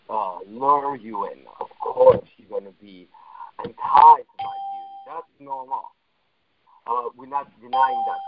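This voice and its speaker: A man coaching on a conference call, blunt and emphatic, his voice muffled as if heard through a wall on a phone line. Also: medium pitch. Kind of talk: motivational teaching monologue.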